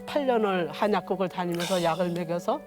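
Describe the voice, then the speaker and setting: With music in the background, a sixty-something woman recounts personal stories as a guest in an interview. She talks a little fast in a lowish voice. Her speech is simple, homely, and unpolished.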